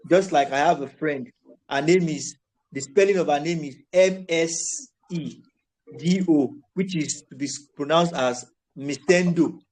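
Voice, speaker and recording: A man's voice: on the high side, a little slow, darkish tone, poor audio. A man teaching a live voice-chat class. He coaxes and corrects his students and often restarts his phrases. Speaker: tutor.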